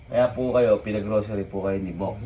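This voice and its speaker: A man's voice: fairly low pitch, steady tone, moderate pace, a little hiss or hum. A man, chatting politely and laughing easily while visiting a family. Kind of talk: casual chat. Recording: loud music over the talk.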